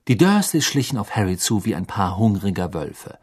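Brief: male audiobook narrator, expressive scripted narration, husky and animated. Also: lowish voice, moderate pace. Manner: expressive reading.

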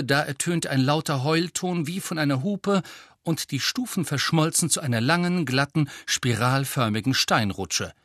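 A man's voice: on the high side, dry recording. Man narrating an audiobook, dry close sound. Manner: lively, expressive reading. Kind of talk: scripted narration.

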